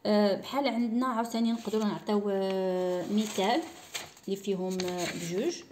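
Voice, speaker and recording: A woman teacher with a Moroccan Arabic accent gives a school lesson. She talks slowly and repeats words to model how they are said. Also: medium pitch, steady tone, a little mellow, slight background noise.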